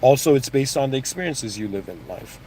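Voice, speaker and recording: On a rough recording with a little hiss or hum, a motivational speaker talks fairly quickly with lively intonation and a warm, mid-range voice. Born in Iran and raised in Canada, he rambles casually, restarting, making asides and saying "you know what I mean."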